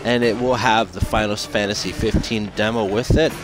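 A man giving casual gameplay commentary and channel updates as a streamer, in a loose, halting, informal way. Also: fairly low pitch, fairly even intonation, over music. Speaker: game streamer and video creator. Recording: clearly noisy game audio behind voice. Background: video game ambience and noise.

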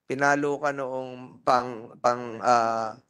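Male hearing chair, mid-pitched voice, probing and repetitive questioning. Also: fairly even intonation, drawn-out words, fairly bright tone, clean tone. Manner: probing, repeats and rephrases his questions. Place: legislative hearing room.

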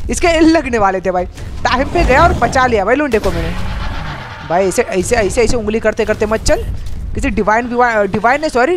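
Hoarse, high-voiced slang gamer man. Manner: excitable, slangy, repeats himself. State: hoarse, strained throat. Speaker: gaming YouTuber host. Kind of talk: live gameplay commentary.

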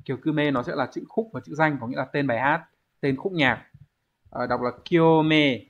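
A man's voice: mid-range voice, a little fast, a bit bright, highs cut off. A man teaching a language exam review lesson. He explains step by step and keeps checking with the class. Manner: explains step by step, often asks the class to confirm.

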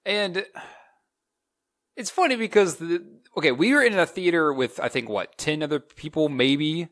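A man in his twenties chatting casually as a movie reviewer, excitable and rambling, often restarting his sentences. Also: fairly high pitch, moderate pace. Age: 20s. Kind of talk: casual chat.

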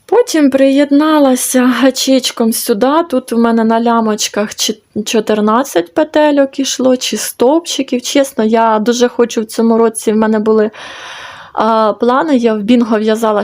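A woman's voice: a little high, darkish tone. A woman hosting a knitting channel, casually chatting and thinking aloud with many fillers as she shows her crochet work. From Ukraine. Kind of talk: casual crafting video report.

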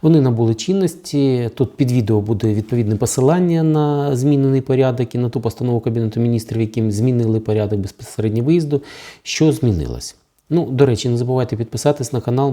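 A man's voice: mid-range voice, mellow. Sarcastic Ukrainian male legal commentator. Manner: sarcastic, critical of the government, with frequent "е" fillers. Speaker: lawyer hosting a legal channel. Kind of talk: direct-to-camera legal commentary.

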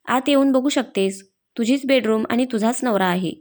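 A woman's voice: on the high side, moderate pace, darkish tone, lightly acted. A woman voicing a playful, teasing young husband who is a police officer, in a read-aloud story. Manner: teasing, affectionate.

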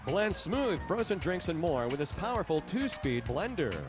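A man playing an excited, booming game show prize announcer, reading out prize copy like a salesman. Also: moderate pace. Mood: upbeat, selling. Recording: music behind the voice.

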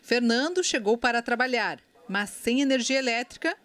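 A woman with a Brazilian Portuguese accent reading a scripted news voice-over in a measured, formal way. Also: a little high, animated, fairly bright tone. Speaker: news reporter. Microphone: studio voice-over.

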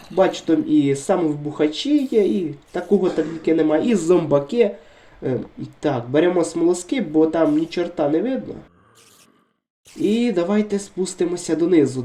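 Man with an illness-worn voice, chatty gameplay commentary. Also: a little high. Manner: chatty, excitable, repeats words when the action gets tense. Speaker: gaming video creator. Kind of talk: let's-play commentary.

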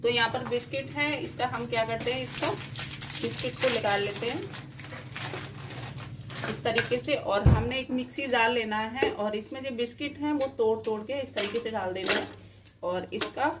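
This woman's fairly high voice moves at a normal pace, though the recording is very noisy. She hosts a cooking channel and is demonstrating a home recipe in her kitchen, describing every step simply and repeating "dekhiye" frequently.

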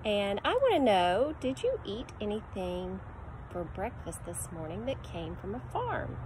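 A medium-pitched, very animated woman's voice reads at a measured pace against a noisy background. She is a middle-aged preschool teacher giving a sing-song picture-book reading to children, with occasional animal sounds. The phone camera recording, held at arm's length, was made outdoors on a backyard deck.

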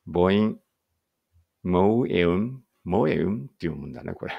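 A man's voice: deep voice, animated, normal speed, creaky, dull audio. A man reading a study text aloud in a casual study-along and thinking aloud in muttered asides. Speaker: language teacher reading aloud.

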